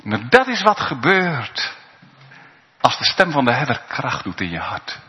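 A man preaching a sermon in a church, slow and emphatic, with pauses and rising calls. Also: medium pitch, huge pitch swings, sharp tone. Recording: dull recording in a reverberant church.

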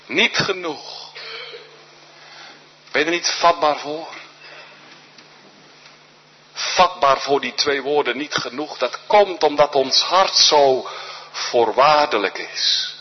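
A man's voice: fairly high pitch, takes it slowly, pauses often, husky, highs cut off. A man preaching a sermon as a pastor, speaking earnestly with rhetorical questions and short repeated phrases.

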